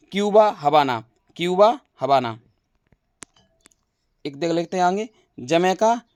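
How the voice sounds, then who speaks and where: A man's voice: high-pitched, no echo, studio quality. A male teacher giving an exam-prep general knowledge lesson, repeating names and making playful wordplay memory tricks.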